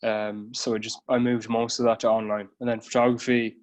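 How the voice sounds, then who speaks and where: A man's voice: medium pitch, level tone, fairly quick. A man from Galway with a west of Ireland accent, explaining things informally as a guest personal trainer in a casual podcast interview.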